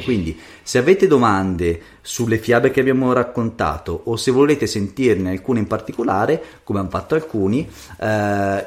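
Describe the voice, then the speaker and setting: A man reading a fairy tale aloud, expressive and playful, then chatting with his listeners. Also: on the low side. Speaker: storyteller.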